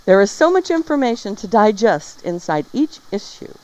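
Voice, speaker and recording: Her voice is medium-pitched and somewhat dark, swinging widely in pitch at a normal speed. She is a talk show host delivering health news and sponsor reads with a playful touch, over music in dull lo-fi audio.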